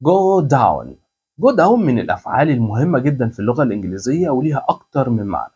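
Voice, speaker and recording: A man's voice: medium pitch, sing-song, fast, warm tone, breathy edge, dull audio. A man with an Egyptian Arabic accent teaching English verbs, patiently repeating words and answering his own questions. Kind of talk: language lesson.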